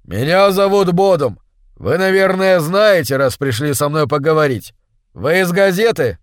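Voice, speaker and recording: A man voicing a dignified hermit who has lived by a waterfall for decades, speaking loudly, almost shouting. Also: medium pitch, slow, dry recording, clean studio sound, natural voice. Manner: loud, near-shouting delivery.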